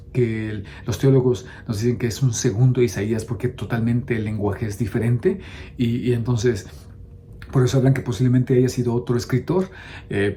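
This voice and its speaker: A male priest gives an unscripted homily in a warm, relaxed, mellow voice. He circles back on his words, fills pauses and keeps asking the congregation "¿sí?", with a few English words slipped in. A faint noise runs under the recording. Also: medium pitch. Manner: unscripted preaching with many fillers and restarts, asks the listeners "¿sí?". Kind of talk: homily on scripture.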